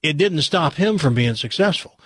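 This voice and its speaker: A man hosting a radio show, rambling casually and bluntly in a husky voice. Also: fairly high pitch, animated, normal speed, no room sound. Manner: blunt, direct. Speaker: radio morning show host.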